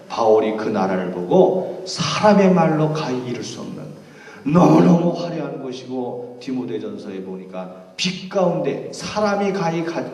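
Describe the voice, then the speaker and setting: A man's voice: fairly high pitch, a little mellow. A man preaching a sermon, retelling a Bible story with emphatic, dramatic delivery. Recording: echoey hall, distant mic.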